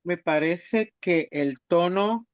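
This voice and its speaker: A man speaking as a student in class, answering haltingly while searching for words. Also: high-pitched, no room sound, dull audio. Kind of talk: classroom discussion.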